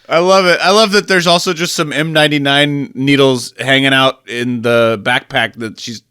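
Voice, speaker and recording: A man's voice: mid-range voice, fairly even intonation, normal speed, sharp tone, clear, resonant tone, no echo, clean studio sound. A man co-hosting a podcast, bluntly mocking the plot and swearing casually. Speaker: podcast co-host. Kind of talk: casual chat.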